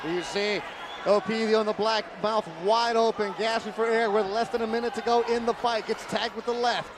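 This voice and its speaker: A man's voice: high voice, level tone, moderate pace. A man calling a mixed martial arts fight live as play-by-play commentator. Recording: noisy live arena with loud crowd. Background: crowd and event ambience.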